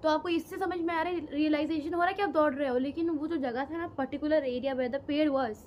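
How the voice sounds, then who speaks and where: A teenage girl casually telling a horror story, animated and quick, mixing in English words, recorded on a phone in a room at home. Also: sits high, slight background noise. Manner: animated, fast, mixes Hindi with English. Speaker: co-host storyteller. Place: indoor room, on a sofa.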